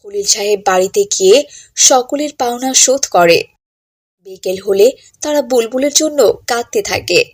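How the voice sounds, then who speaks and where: Husky woman narrating a cartoon story. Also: on the high side, animated, moderate pace.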